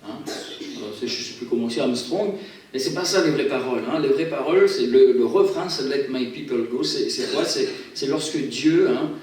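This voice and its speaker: A man's voice: medium pitch, normal speed, a little mellow. A chatty man talks to a church gathering, stumbling and repeating words as he goes. His voice is far from the mic and rings through a very echoey hall, with faint noise behind it. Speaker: guest singer at a church. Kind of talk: casual spoken introduction to a song.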